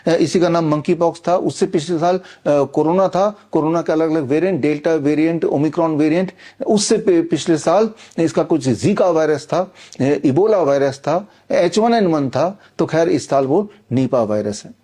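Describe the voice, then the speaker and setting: A middle-aged man speaks in a somewhat high, mellow voice. He talks insistently and combatively, directly to the audience. Frequent "uh" fillers break up his claims. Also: normal speed. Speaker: author promoting his books and a training program. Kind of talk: persuasive direct-to-camera monologue.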